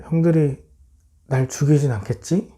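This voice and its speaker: A man voicing a young boy, Joseph, in a children's Bible story, with high pleading calls. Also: normal speed, warm tone, close to an everyday voice. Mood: frightened. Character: young boy Joseph, eager then frightened.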